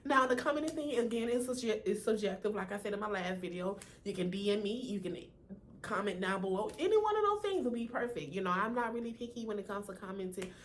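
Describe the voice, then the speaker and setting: A woman's voice: mid-range voice, sing-song, fast talker, a little hiss or hum. American woman with a braces lisp. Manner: sassy and chatty, peppered with "honey", "you know" and "right?". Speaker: video host. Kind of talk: casual chat to viewers.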